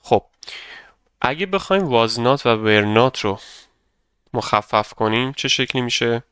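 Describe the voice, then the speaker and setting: A young man teaching an English grammar lesson, explaining patiently step by step and saying example sentences slowly for students to repeat. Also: mid-range voice, lively intonation, fairly bright tone, smooth, no echo. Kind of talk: grammar lesson narration over slides.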